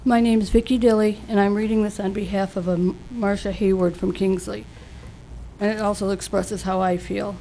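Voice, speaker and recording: Female public commenter, flat intonation, medium pitch, reading from text with faint room noise. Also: moderate pace, low-quality recording. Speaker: citizen reading statement at public meeting. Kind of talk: reading a written statement.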